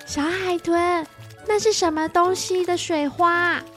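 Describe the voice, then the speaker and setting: A woman voicing an excitable, earnest little girl in a children's adventure story. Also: very high voice, takes it slowly, faint music behind, voice pushed up, heavily acted. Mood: curious.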